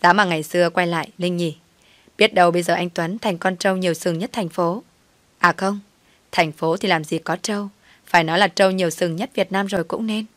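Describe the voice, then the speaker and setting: A woman's voice: on the low side, fairly even intonation, a little fast, no room sound, close to an everyday voice. A woman voicing a scheming young woman, the husband's ex-girlfriend, who talks in a mock-innocent, pleading way. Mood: taunting.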